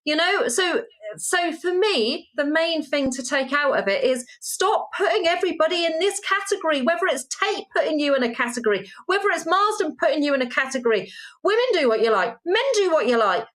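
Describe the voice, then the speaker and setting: A middle-aged female co-host on a casual social media commentary show talks a little fast in a high, animated, slightly bright voice. She drives her points home with passionate, emphatic ranting.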